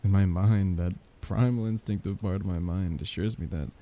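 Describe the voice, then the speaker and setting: In this intimate ASMR romance roleplay, a man portrays a possessive, doting young mafia heir with a low-pitched, steady voice close to his everyday one. He speaks softly and haltingly, breathy chuckles included, in an earnest, possessive mood.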